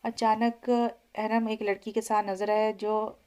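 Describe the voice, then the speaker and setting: A woman's voice: mid-range voice, level tone, takes it slowly, a little mellow, clear, resonant tone. A woman reading an audio novel aloud, often stumbling and correcting herself. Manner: frequent slips and self-corrections.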